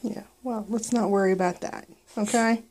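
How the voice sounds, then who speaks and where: A woman's voice: mid-range voice, fairly even intonation, normal speed, darkish tone, slight background noise. A woman chatting casually in short, soothing replies. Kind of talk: casual chat.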